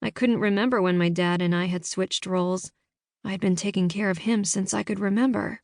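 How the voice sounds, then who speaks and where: A woman reading first-person scripted narration for an audiobook in a measured storytelling manner, in a studio. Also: medium pitch, fairly even intonation, darkish tone, dry recording.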